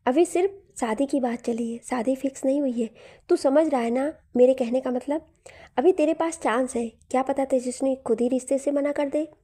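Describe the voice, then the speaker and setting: A woman voicing a calm young man reassuring his angry friend, in a storybook reading. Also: high-pitched, normal speed.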